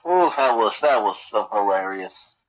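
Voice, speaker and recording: A man's voice: on the low side, lively intonation, a little slow, low-quality recording. A man on a casual podcast, reacting with exclamations and laughter. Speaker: podcast co-host. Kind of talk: casual review chat.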